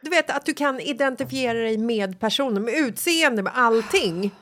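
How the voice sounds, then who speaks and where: A woman co-hosting a podcast in casual chat, speaking in a relaxed way with lots of filler words. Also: a little high. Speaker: podcast co-host.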